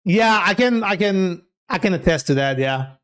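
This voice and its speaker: Here the Turkish-accented streamer, a native speaker of Turkish, sounds high-pitched, smooth and a little bright, with lively intonation at a normal speed. He's a programmer chatting informally with viewers and reasoning aloud as he writes code.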